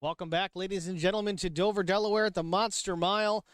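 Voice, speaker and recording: A man calling a sim truck race as booth commentator, energetic and excitable in his play-by-play. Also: sits high, fast, smooth, no echo. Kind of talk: sim racing broadcast commentary.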